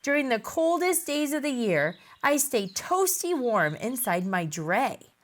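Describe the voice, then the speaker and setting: A chattering, forgetful fox squirrel with a high, bouncy storybook voice, as a woman reads it out. The voice swoops up and down with lively pitch, and she takes it slowly. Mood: excited.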